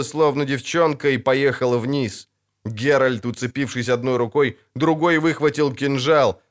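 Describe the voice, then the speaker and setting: A man narrating a dramatic fantasy audiobook in a steady, vivid storytelling voice. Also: mid-range voice.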